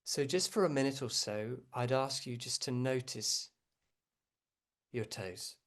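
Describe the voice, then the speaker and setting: Speaking in a medium-pitched voice, a man guides a meditation as a teacher, taking his time, keeping a gentle tone and pausing often.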